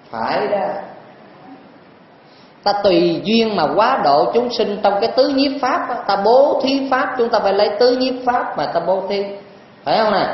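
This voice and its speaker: A male monk with a Southern Vietnamese accent gives a folksy, teasing dharma talk and keeps putting questions to the audience, in a very echoey temple hall. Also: high-pitched. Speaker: Buddhist monk teacher. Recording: very echoey hall, dull lo-fi sound, faint noise.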